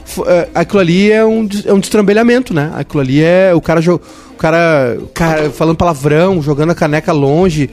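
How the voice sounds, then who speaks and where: A man's voice: on the high side, fairly quick, darkish tone. A man, co-hosting a casual podcast chat and explaining his opinions at length with jokes. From southern Brazil. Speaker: podcast co-host.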